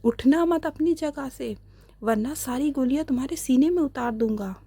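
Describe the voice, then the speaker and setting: A woman's voice: sits high, moderate pace, creaky, dark tone, husky, dry recording, exaggerated voice. A woman voicing a protective young man who speaks with urgency. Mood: urgent. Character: brave young man rescuing his love.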